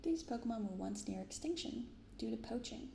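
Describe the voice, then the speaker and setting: Her voice slightly high and animated, this female card-opening ASMR host still speaks softly, gently and without hurry, with a gravelly fry in her casual commentary. It's recorded binaurally in a roomy, echoing space with audible noise.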